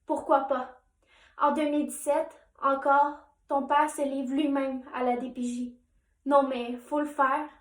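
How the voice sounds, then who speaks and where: A young woman delivers a dramatic monologue in a solemn, measured voice. Her voice sits high. The recording carries a noticeable room echo. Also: level tone. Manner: solemn, addresses the listener directly. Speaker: monologue performer.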